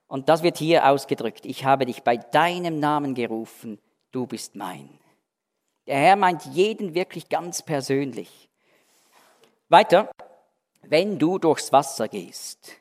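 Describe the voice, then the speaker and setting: Emphatic preacher in a reverberant hall. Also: male voice. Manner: emphatic, swings between loud stresses and quiet low phrases. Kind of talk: expository Bible sermon.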